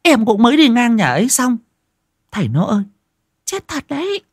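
Shrill gossiping village wife, a man doing her. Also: huge pitch swings, normal speed, breathy edge, dry recording, clean studio sound, exaggerated voice. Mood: excited gossip.

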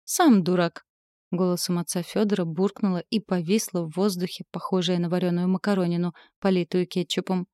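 A woman narrating an audiobook in a lively, wry first-person storytelling manner. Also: fairly low pitch, a little fast.

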